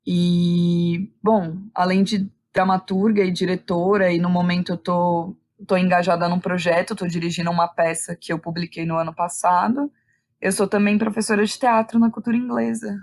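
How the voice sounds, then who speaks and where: A woman from Santo André, São Paulo, Brazil, a theatre director and playwright, chats informally as a guest in a casual interview. Her voice is fairly low and darkish, with little pitch movement at normal speed, and her São Paulo accent comes with frequent tag questions.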